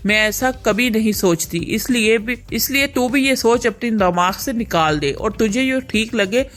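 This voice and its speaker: A woman voicing a kindly, caring but pushy middle-aged mother-in-law in an animated story, talking with warm scolding. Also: a little high, normal speed, soft background music, natural voice. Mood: coaxing.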